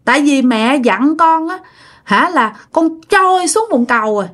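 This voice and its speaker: A sulky little ghost child whines and pleads in a piping, very high voice, as a woman storyteller puts it on. The talk is clingy and reproachful, full of childish wheedling. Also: expressive, normal speed, fairly bright tone. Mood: plaintive.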